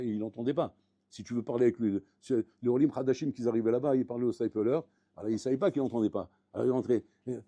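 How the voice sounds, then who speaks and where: A man giving a Torah class as a rabbi, telling stories with acted-out voices and building up to loud, emphatic peaks, often calling out to his listeners. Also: medium pitch, breathy edge, no room sound. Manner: lively storytelling, acting out voices, rising to loud emphatic peaks; French mixed with Hebrew terms, repeated address to the audience. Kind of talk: storytelling Torah lesson.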